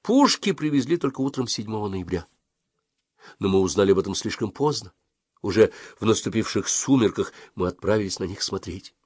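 Expressive male audiobook narrator. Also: sits low, no echo, studio quality. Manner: expressive storytelling. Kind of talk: scripted narration.

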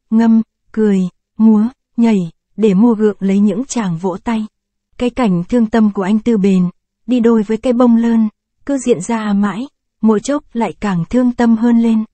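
A woman narrating a short story in a calm, even storytelling manner, close to the mic. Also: mid-range voice, no echo. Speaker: audiobook narrator. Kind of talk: scripted short story reading.

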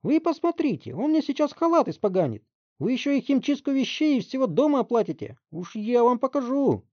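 A man voicing a loud, hot-tempered middle-aged housewife who screams and scolds in a shrill voice. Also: sing-song, moderate pace, no echo, muffled recording, full character voice. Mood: shrieking outrage. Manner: shrieking, scolding, outraged.

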